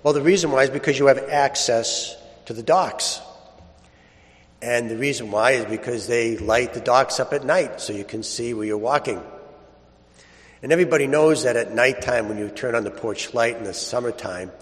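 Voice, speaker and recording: A man's voice: medium pitch, normal speed. Clergyman in a cathedral-like echo. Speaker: priest or deacon preaching. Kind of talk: solemn scripture reading and conversational sermon. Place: large reverberant church. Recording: cathedral-like echo, long reverberant church hall.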